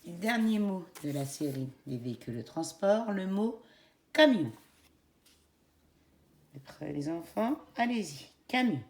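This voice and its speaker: A woman teacher with a French accent, giving a phonics lesson to young children in a slow, encouraging voice and spelling out each syllable. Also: fairly low pitch, expressive, warm tone.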